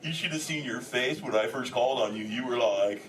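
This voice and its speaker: Sounding excited, a male live performer voices a mellow, surfer-talking green sea turtle who keeps saying "dude" and trades improvised jokes with the crowd. His medium-pitched voice is a little fast and close to how he'd normally speak. It's picked up from afar in an echoey venue full of audience chatter and crowd noise.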